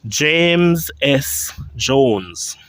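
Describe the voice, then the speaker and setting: A man with a Jamaican accent, walking through a churchyard cemetery on a vlog, reading grave inscriptions aloud and thinking out loud. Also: medium pitch, animated, drawn-out words, no room sound. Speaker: vlogger.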